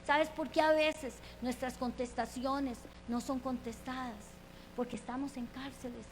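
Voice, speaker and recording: A woman's voice: fairly even intonation, unhurried, slight background noise, rough recording. A woman preaching a sermon, acting out quoted characters and asking the congregation direct questions. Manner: impassioned, acts out quoted characters with rising pitch.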